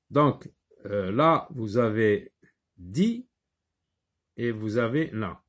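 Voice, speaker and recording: Slow, patient male teacher. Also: medium pitch, breathy edge. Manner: slow, patient, talks the class through each step. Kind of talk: handwriting and reading lesson.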